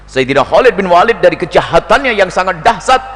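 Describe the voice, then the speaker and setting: Man, preacher, impassioned sermon, high-pitched, reverberant hall. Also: sing-song, fairly quick, a bit bright, soft background music. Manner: impassioned, acts out prayers of repentance. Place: large hall before a congregation.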